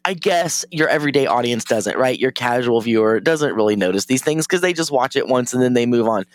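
A man's voice: mid-range voice, animated, brisk, a little hiss or hum. A man co-hosting a casual podcast chat who talks in a blunt, exasperated way. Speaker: podcast co-host.

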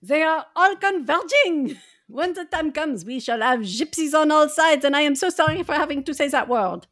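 A woman voicing an elderly male professor in a read-aloud story, urgent and given to excited exclamations that stumble when he gets worked up. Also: high-pitched, normal speed, pitched above the performer's own voice. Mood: grave.

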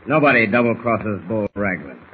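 A sneering smuggler boss. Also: male voice, on the low side, big pitch swings, moderate pace. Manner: sneering gangster talk. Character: menacing male smuggler boss, tough bully. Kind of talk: 1940s radio acting. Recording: dull noisy old radio recording.

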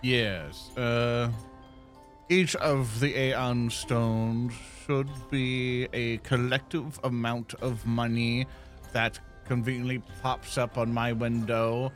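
A man's voice: medium pitch, fairly even intonation, slow pace. A man talking casually as a player in a tabletop role-playing game. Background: background music.

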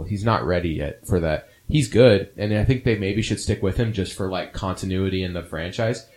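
Low-voiced man hosting sports chat. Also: a little mellow. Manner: rambling, opinionated, frequent fillers. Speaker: podcast host.

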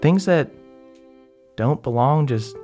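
A man voicing a frazzled old grandmother in a shrill high falsetto during a tabletop game. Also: lively intonation, slow, warm tone, faint music behind. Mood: fond. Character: fussy, frazzled old granny woman.

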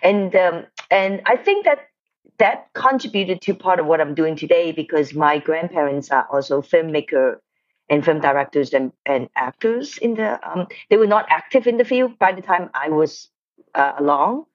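Low-voiced woman from Hong Kong, hesitant. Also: lively intonation, moderate pace, lo-fi sound. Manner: hesitant, many fillers. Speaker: guest, lighting designer. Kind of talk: casual interview.

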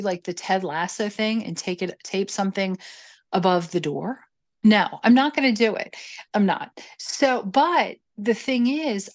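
A woman co-hosting a podcast, who rambles in casual chat and makes fun of herself. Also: mid-range voice. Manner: rambling and self-deprecating, with many restarts. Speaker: podcast co-host.

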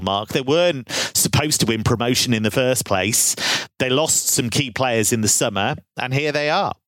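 A man's voice: medium pitch, fairly bright tone, no echo. Man hosting a betting podcast. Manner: brisk linking presenter, steering to co-hosts. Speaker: podcast host. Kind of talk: presenting, with a read sponsor promo.

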